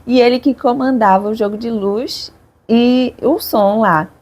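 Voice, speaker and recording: A young woman, speaking in a fairly high voice. She chats casually and expressively with her viewers, vlog-style, her voice climbing sharply when the story gets emotional. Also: measured pace. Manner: chatty, expressive, swings up high at emotional moments. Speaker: vlogger.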